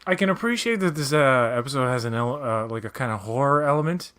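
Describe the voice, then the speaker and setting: Blunt man chatting, medium pitch. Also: lively intonation, fast talker, a bit bright, clear, resonant tone. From Canada. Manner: blunt, swearing, repeats words for emphasis. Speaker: watch-along co-host. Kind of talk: casual chat and commentary.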